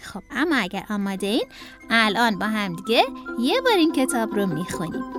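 A woman's voice: mid-range voice, very animated, music in the background. A young woman reading a picture book aloud to children, speaking to them directly in a sing-song way. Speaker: children's storyteller.

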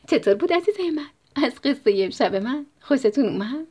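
A woman narrating a bedtime story, expressive, often dropping into a whisper. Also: high voice.

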